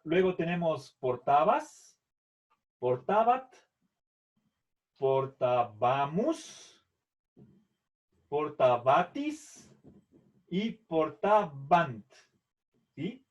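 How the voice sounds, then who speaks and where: A middle-aged man teaching a Latin grammar lesson, patiently explaining and repeating verb forms, checking in with "¿sí?" after each point. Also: on the high side. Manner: drills verb forms slowly, syllable by syllable. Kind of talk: slow classroom explanation.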